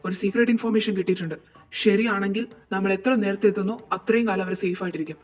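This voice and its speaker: A woman reading a fan fiction audio drama, voicing every character in a dramatic, halting way. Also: medium pitch, a little mellow. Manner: dramatic, voices all characters, halting with grief. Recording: dull lo-fi with faint music.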